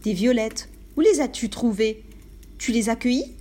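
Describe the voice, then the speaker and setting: A spoiled, contemptuous storybook girl who speaks with haughty scorn, as a woman puts her on. The voice keeps a dark, mellow timbre. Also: on the high side, expressive, moderate pace, lightly acted. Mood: suspicious.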